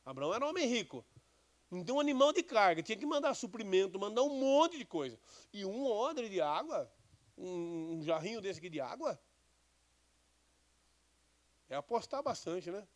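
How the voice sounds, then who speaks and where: A man's voice: sits high, sing-song, normal speed, pauses often. A man, a bishop giving a conversational sermon with Bible readings and questions to the congregation. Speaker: bishop preaching.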